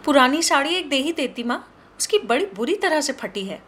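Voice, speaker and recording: A woman's voice: sits high, sing-song, moderate pace, fairly bright tone, voice pushed up. Woman voicing a teasing young daughter. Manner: teasing, giggly. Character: teasing college-age daughter.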